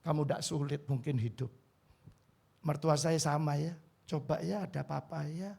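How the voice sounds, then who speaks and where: A man in his fifties preaching a sermon in a church hall, his voice pitched high with a husky, gravelly rasp. He pleads with the congregation, dropping to a hush and then surging loud. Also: normal speed. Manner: emotional, pleading, swings from quiet to loud. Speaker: pastor.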